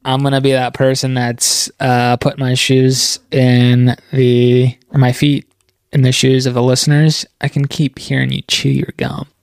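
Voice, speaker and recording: A man's voice: medium pitch, little pitch movement, a little slow, gravelly, smooth, dry recording, clean studio sound. A man co-hosting a casual podcast, speaking in an easygoing, reflective way. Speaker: podcast co-host. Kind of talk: casual chat.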